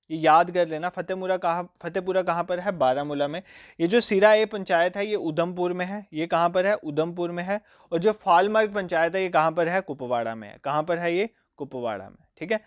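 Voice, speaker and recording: Male quiz-lesson teacher, fairly high voice, dry close mic, repeats answers to drill them. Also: dry recording. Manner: asks a question then answers it himself, repeating key facts; reads English questions slowly and deliberately. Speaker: exam-prep teacher. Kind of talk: quiz lecture.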